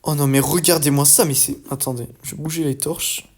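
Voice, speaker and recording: Excitable young man narrating his gameplay. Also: fairly high pitch, brisk, slight background noise. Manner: excitable, swears often, talks to viewers as "the guys". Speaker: gaming YouTuber. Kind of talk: casual let's-play commentary.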